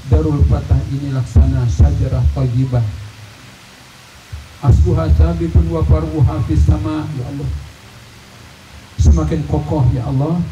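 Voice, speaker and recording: A man leading a gathering in a long, slow prayer, with many repeated appeals to God. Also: mid-range voice, warm tone. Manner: slow, repetitive supplication with frequent "ya Allah". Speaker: prayer leader. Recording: echoey, distant, dull and noisy hall recording.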